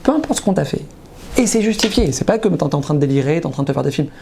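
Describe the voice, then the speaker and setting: A man who is a rabbi preaching a passionate sermon, repeating himself for emphasis and swinging from loud exclamations to low murmurs. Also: lively intonation, very fast, gravelly, slight background noise. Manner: emphatic and repetitive, often calling out to listeners. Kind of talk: impassioned sermon.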